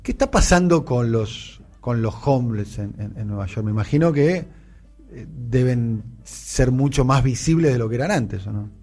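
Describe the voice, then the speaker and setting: A man with a Rioplatense Spanish accent hosting a radio interview, asking probing questions with frequent pauses and fillers. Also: mid-range voice, animated, dark tone. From Argentina. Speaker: radio show host.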